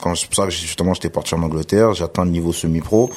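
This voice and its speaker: A man speaking as a radio show guest, relaxed and often repeating and restarting his phrases. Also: deep voice, fast talker. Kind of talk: radio interview.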